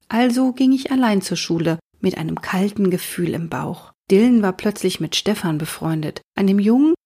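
A woman reads a children's book aloud for a reading series. Her voice is breathy and soft. She speaks gently and turns straight to her young listeners. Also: mid-range voice.

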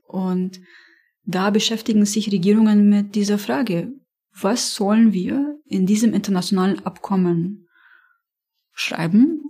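A campaigner from Lebanon, a native Arabic speaker with an Arabic accent, appears as a podcast guest and answers interview questions thoughtfully, often hesitating. Her voice is mid-range, dark in tone, and husky.

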